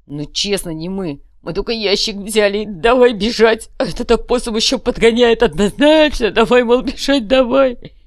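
A woman's voice: fairly high pitch, normal speed, no echo, studio quality, lightly acted. A woman voicing a crude, whiny male redcap thug in an audiobook, rambling and pleading, repeating words. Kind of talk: audiobook character voice.

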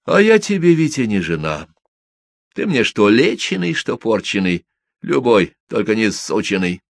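A cold, menacing gang boss, read by a man who drags out his threats in slow, gravelly phrases. His voice rises raised and lively through the threats. The audiobook sound is dry and close. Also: on the low side, no room sound, exaggerated voice. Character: menacing middle-aged male gang boss.

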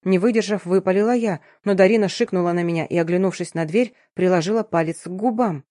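A woman narrating a first-person story aloud, reading the young heroine's own lines in a lively, expressive way. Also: fairly low pitch, quick pace, no echo, clean studio sound. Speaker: audiobook narrator.

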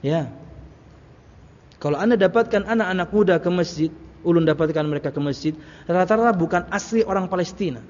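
This Islamic preacher's voice sits high and a little mellow; he talks a little fast but leaves long pauses. Addressing a congregation, he keeps things conversational with rhetorical questions, repetition and anecdotes, and the hall recording sounds muffled and reverberant.

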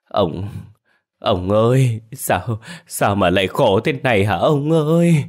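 A sharp-tongued middle-aged lady who rules her household, done by a male storyteller. She speaks in a low, firm voice, scolding and ordering her servants, in a narrated ghost story. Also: moderate pace, close to an everyday voice. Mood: anguished. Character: stern middle-aged mistress of a rich household, woman.

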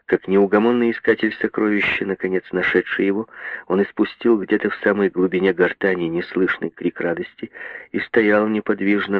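A male narrator reads a novel aloud with dramatic expression. His voice is deep and gravelly with a husky grain. The sound is dry and tinny, like a phone line. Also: dry recording. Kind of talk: audiobook reading.

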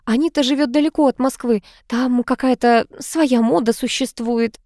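A chattering, theatrical society aunt, as a female reader puts her on, with a raised, lively voice. She gushes and dramatizes every sentence, recorded close and dry. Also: on the high side, moderate pace, dry recording, pitched above the performer's own voice, lightly acted. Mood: gushing. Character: theatrical much-married society aunt, flamboyant and gushing.

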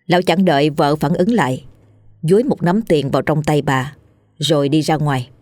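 Low-voiced woman narrating a story. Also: moderate pace, a little mellow, no echo, clean studio sound. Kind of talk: scripted ghost story narration.

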